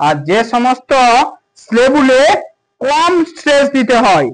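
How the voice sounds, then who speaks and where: A man's voice: very high voice, very animated, measured pace, poor audio. A man teaching a grammar lesson, repeating points and checking understanding with questions. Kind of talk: grammar lesson explaining to students.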